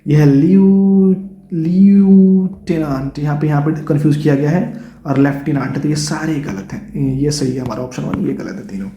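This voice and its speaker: A man's voice: a little high, a little fast, mellow, echoey room, lo-fi sound. A man with an Indian English accent teaching an online exam-prep lesson, chatty and coaxing, calling his students guys and dear children.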